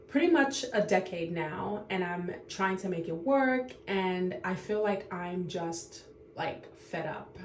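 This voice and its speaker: Woman, 30s, low voice, close to tears, halting with many sighs, echoey room, faint hiss. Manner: tearful, halting, full of fillers and sighs. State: on the verge of tears. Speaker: vlogger. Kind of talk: unscripted emotional confession to camera.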